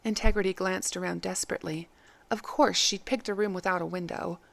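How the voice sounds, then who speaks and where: Vorleserin mit knarziger Stimme. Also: female voice, on the low side, fairly even intonation, brisk, vocal fry. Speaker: audiobook narrator. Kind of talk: fantasy novel audiobook reading.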